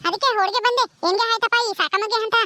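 A woman's voice: extremely high pitch, background noise. Woman doing a fussing nosy neighbour. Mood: curious. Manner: fussing, exclaiming, quick questions. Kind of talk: village comedy skit.

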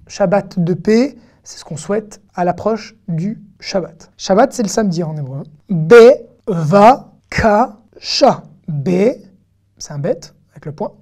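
A woman teaching an online language lesson, saying each word slowly and clearly several times before she explains it. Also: fairly low pitch, a little mellow. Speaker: Hebrew teacher.

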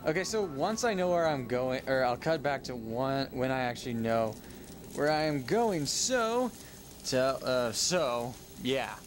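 A man's voice: mid-range voice, expressive, unhurried, soft background music. A young man giving casual commentary on a game he is playing, rambling and often correcting himself mid-sentence. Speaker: let's play gamer. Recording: home recording with noise.

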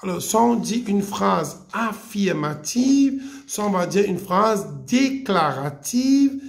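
Woman teacher, slow patient grammar lesson, bouncy pitch. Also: lively intonation, creaky. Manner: patient, explains step by step and repeats key points.

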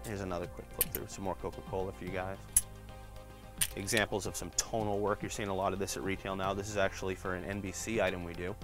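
A man's voice: sits low, fast, over music. A man giving a casual tour of a print shop's department, explaining products with frequent fillers. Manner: relaxed, frequent "uh" fillers, explains while flipping through shirts. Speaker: print shop department guide. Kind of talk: casual walkthrough showing products.

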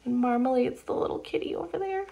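A children's storytime reader in her thirties, high-voiced with vocal fry, reads a picture book aloud in her living room with animated, slow, sing-song delivery and friendly asides for young children. Heavy background noise comes through on the phone or webcam held at arm's length.

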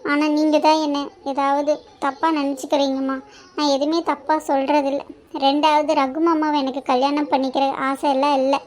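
Woman voicing a gentle young cartoon woman, pleading, soft, high-pitched. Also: little pitch movement, moderate pace, close to an everyday voice. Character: gentle motherless elder daughter, young woman. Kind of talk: cartoon voice acting.

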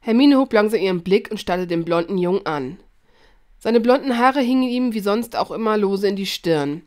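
A woman narrating a fan fiction audiobook in a lively read-aloud voice, with occasional slips and restarts. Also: mid-range voice, moderate pace.

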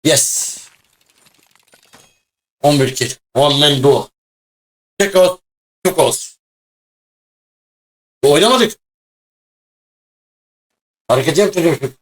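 A man plays through a mobile shooter match and talks the whole way, loud and easily excited, often breaking into shouts. His voice sits slightly higher than most men's. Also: drawn-out words, long pauses. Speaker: gaming video host. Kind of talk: excited mobile-game play chat.

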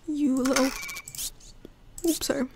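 Girl chatting slow over a game, apologizing a lot, noisy mic with clicks. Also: sits high, little pitch movement, vocal fry. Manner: chatty, apologetic, thinking aloud with giggles. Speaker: gamer. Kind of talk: casual gameplay commentary. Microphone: desktop USB microphone.

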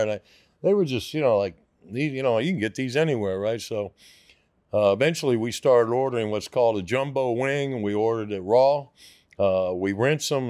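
A man's voice: medium pitch, a little mellow, clear, resonant tone, dry recording. A man in his sixties, a restaurant owner, talking casually in an interview with many fillers and restarts, into a studio microphone. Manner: rambling, hesitant with many fillers. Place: podcast studio. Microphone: studio mic on boom arm.

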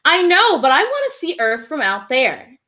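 An eager little girl from a storybook, read by a woman. She sounds earnest and wishful, with a bright, highish voice that rises and falls freely. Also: huge pitch swings, moderate pace, heavily acted. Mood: wishful, questioning. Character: little dreamy, eager schoolgirl.

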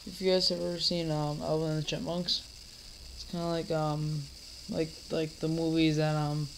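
Slouched in a recliner in a dim living room, this sick teen vlogger talks at normal speed in a slightly high, level, creaky voice. He wanders casually with fillers and restarts, playfully scolding a pretend heckler, on a low-quality recording with slight background noise.

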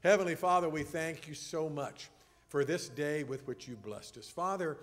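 A man leading a church service, welcoming the congregation and praying in an earnest, measured, formal way. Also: a little high. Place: church sanctuary. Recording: long church reverb.

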